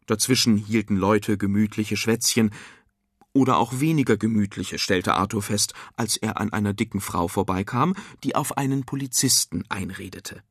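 A man reading a children's radio story aloud in a lively storytelling manner. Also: lowish voice, moderate pace, no room sound, studio quality. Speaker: narrator.

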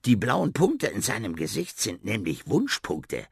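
A man narrating a children's story in a lively storytelling manner. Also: fairly low pitch, a little slow, gravelly, breathy edge, no room sound, clean studio sound.

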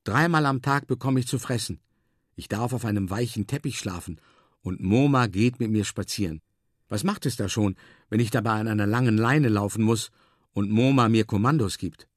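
Calm man narrating a story as a dog. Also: fairly low pitch, no echo, studio quality. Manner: calm, measured, drawn-out emphasis. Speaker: audiobook narrator.

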